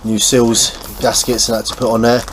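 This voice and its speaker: A man from England walks viewers through restoring a small boat, speaking at normal speed in a mid-range voice with a level tone. His casual, hands-on chat is informal and blokey, recorded on location with some background noise.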